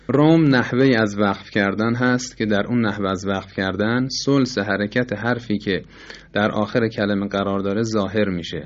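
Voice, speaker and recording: A man's voice: fairly low pitch, muffled recording. A man teaching Quran recitation rules in a formal, patient lesson, politely repeating and explaining with examples.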